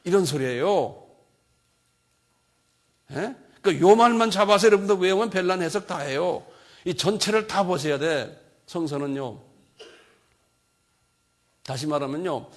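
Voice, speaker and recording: A man's voice: high voice, measured pace, pauses often. Man giving a chatty bible lecture. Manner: colloquial and conversational, keeps checking in with listeners.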